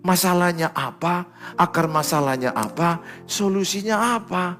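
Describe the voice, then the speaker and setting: A middle-aged male pastor preaching a sermon, swinging between loud urgent exhortation and soft, confiding asides. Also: high voice, a little slow, soft background music.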